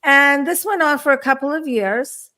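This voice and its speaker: Speaking at a moderate pace in a high, pushed, bright voice, this spiritual counselor and experiencer shares personal stories as a guest in a conversational interview. She was born in Istanbul, Turkey, raised in the Washington DC area, and frequently clears her throat.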